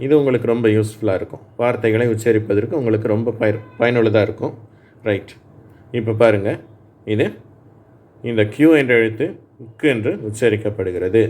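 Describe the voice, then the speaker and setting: A man teaching English reading, calling out sounds slowly and patiently for learners to repeat. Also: on the low side, darkish tone. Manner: patient, plain explaining. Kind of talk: slow classroom phonics drill.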